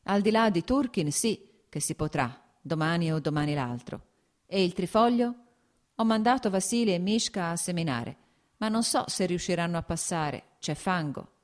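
A woman's voice: on the low side, expressive, moderate pace, lightly acted. A woman reading an audiobook, voicing an evasive male estate steward who answers with placating excuses.

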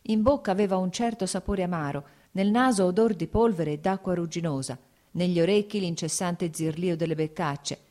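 Woman, lowish voice, audiobook narration, steady, measured. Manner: steady, measured literary reading. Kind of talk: scripted audiobook narration of a classic novel.

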